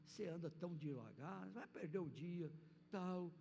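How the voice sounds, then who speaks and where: A man's voice: sits high, normal speed, vocal fry, dark tone. A man voicing an unkind, bossy female jaguar who scolds and turns others away, in a storytelling in a church hall. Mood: dismissive. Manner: dismissive, scolding. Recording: reverberant church hall, faint noise.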